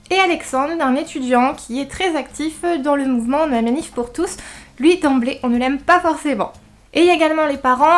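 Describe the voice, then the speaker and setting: Casting: female book vlogger, high-pitched, slight lisp on s, casual presenting, faint music underneath. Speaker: book reviewer presenting recent reads. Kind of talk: casual scripted-outline vlog talk.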